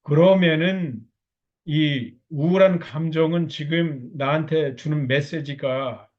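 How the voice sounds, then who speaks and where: A middle-aged man lecturing on marriage counseling, explaining patiently, posing rhetorical questions and padding phrases with fillers. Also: fairly high pitch. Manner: frequent filler "like this" between phrases. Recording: dull lo-fi lecture recording.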